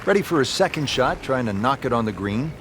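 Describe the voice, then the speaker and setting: A man acting as a lead TV golf commentator, calling the play in a measured, polished announcer delivery. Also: medium pitch, animated, background noise, close to an everyday voice. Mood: admiring. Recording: loud music and crowd behind. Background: music, crowd.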